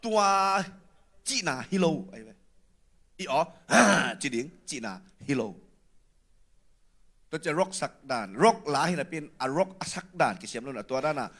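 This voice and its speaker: A man critiquing a singer's performance in an animated, lively way. His pitch swings widely as he talks. The tone is bright and forceful. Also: moderate pace.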